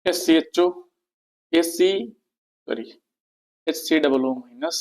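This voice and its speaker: A man's voice: on the high side, takes it slowly, darkish tone, rough recording. A man teaching a chemistry lesson in Hindi at a board, repeating each term and asking and answering his own questions. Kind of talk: board lecture to students.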